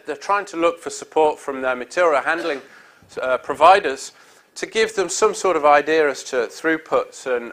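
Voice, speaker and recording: On a conference hall stage, a middle-aged European-accented industry speaker gives his presentation in a mid-range, slightly bright male voice. He sounds upbeat and salesy, filling gaps with lots of ums and uhs.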